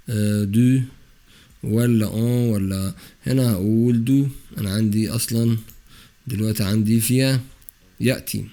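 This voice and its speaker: A man with an Egyptian Arabic accent teaching a French grammar lesson for exam prep, rattling off rules and quizzing the student with quick questions. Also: on the low side, mellow.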